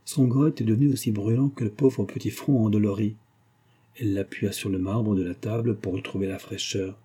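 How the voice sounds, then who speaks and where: A man narrating an audiobook with a low, very dark voice and a husky grain. His reading is steady and even, carrying the story along at an unhurried pace. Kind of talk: scripted narration.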